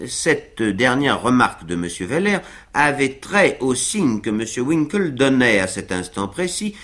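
A man reading a classic novel aloud for radio with unhurried, expressive narration. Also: medium pitch. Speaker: reader of a novel.

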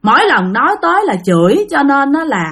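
Brief: grieving mother, soft lament, somewhat high voice; a woman narrator puts her on. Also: sing-song, a little fast, exaggerated voice. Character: grieving middle-aged mother, pleading softly.

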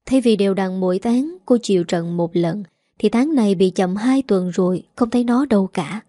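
A woman narrating a village drama audiobook in a calm, measured reading voice. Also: mid-range voice, dry recording, studio quality. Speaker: story narrator. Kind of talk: audiobook storytelling.

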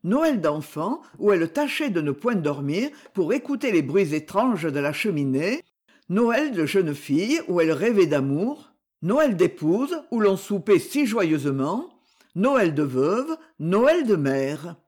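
An audiobook narrator reading a short story aloud. The voice is lively and rises and falls a lot, with dramatic pauses between phrases. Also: medium pitch. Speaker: audiobook reader.

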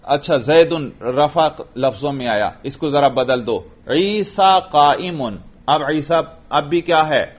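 A man's voice: on the high side, lively intonation, few pauses. A man with a Pakistani Urdu accent, a religious teacher giving a classroom grammar lecture, firing short questions at his students and repeating their answers. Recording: dull lo-fi classroom recording.

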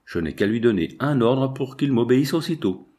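A man's voice: mid-range voice, expressive, moderate pace, a little mellow, close to an everyday voice. A man voicing a fat, heavily made-up older landlady who chatters fussily and dotes on her pet. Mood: proud. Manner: chatty, fussy, doting. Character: fat, painted older woman landlady, gushing.

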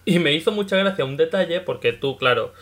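A man with a Spain Spanish accent in casual chat, telling lively stories and acting out bits of dialogue. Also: fairly high pitch, brisk. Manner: lively storyteller, acts out characters' remarks. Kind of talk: casual chat about a video game.

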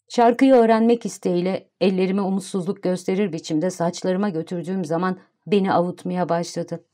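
A woman narrating a literary audiobook in a calm, even storytelling manner. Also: lowish voice.

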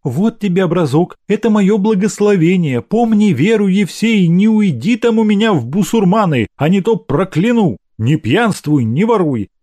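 A man's voice: sits high, lively intonation, normal speed, hardly any pauses, mellow, pitched above the performer's own voice. A man voicing an aging peasant mother who tearfully blesses and sternly warns her son, in a raised voice. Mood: tearful pleading. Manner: pleading, scolding.

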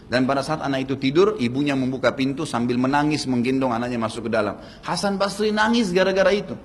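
An earnest Indonesian-accented man preaching a sermon to his listeners. His voice sits at a middle pitch and rises and falls sharply when he stresses a point. A faint hum of ambience runs beneath the recording. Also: fast, big-room sound. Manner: earnest, addresses audience directly, swings pitch for emphasis. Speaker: Islamic preacher.

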